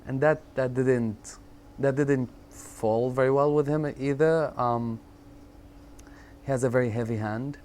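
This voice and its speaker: A man in his thirties from Syria, telling his life story in an interview, reflective and halting, often repeating words and pausing on fillers. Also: medium pitch, steady tone, darkish tone. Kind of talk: personal storytelling in conversation. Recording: faint background noise.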